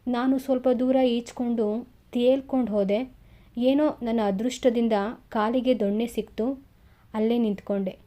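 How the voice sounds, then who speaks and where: A woman playing a humble working man, exhausted and modest, recounting in a soft, quiet voice. The tone is mellow and a touch high, close to her own reading voice. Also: steady tone, normal speed, natural voice.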